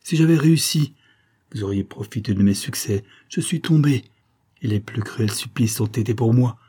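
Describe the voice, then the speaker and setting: A man's voice: mid-range voice, normal speed, mellow, slightly rough, close to an everyday voice. A man reading an audiobook, voicing a bitter old former prisoner who urges and accuses with sombre energy. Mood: insistent. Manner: insistent, sombre and urgent.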